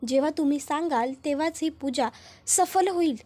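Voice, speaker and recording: Woman reading as a smooth-talking priest. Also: high voice, normal speed, mellow, natural voice.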